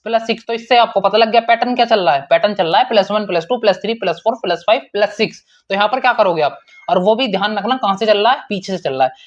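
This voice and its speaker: A man's voice: sits high, fast, highs cut off. A man teaching an online exam-prep lesson in a casual, repetitive way, calling students brother and checking in often.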